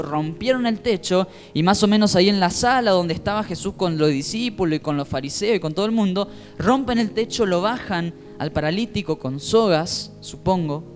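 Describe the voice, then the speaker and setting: A pastor with a Rioplatense Spanish accent preaches a sermon in a high-pitched voice, telling it like a lively story and acting out the voices of those he quotes.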